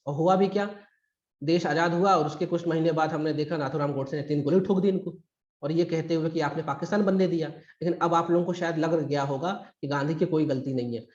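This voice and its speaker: A man's voice: fairly high pitch, fairly even intonation, a little fast, darkish tone, roomy sound, dull audio. A man teaching a live online history class for exam preparation, talking in a conversational, emphatic way. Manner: conversational and emphatic, acts out quotes. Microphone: recorded through a video call.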